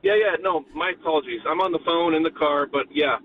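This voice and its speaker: A man's voice: fairly high pitch, fairly quick. A man calling in to a sports radio show over the phone from his car, asking eager, rambling questions. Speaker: caller. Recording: tinny phone line from a car, faint road noise.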